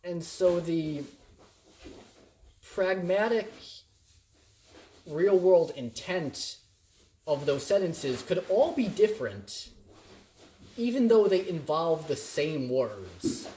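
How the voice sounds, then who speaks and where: Male lecturer, slow and deliberate, lively swooping pitch, playful classroom delivery. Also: slight background noise. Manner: animated and playful, acting out examples in varied emphasis. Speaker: college instructor. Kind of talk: recorded lecture.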